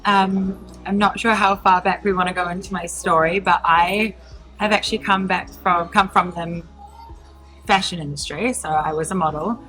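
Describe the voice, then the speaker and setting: Over faint music and poor audio, a New Zealand-accented entrepreneur in her thirties chats as an interview guest at normal speed. Her fairly low, fairly bright voice has fairly even intonation, and her casual talk includes many fillers and frequent laughs.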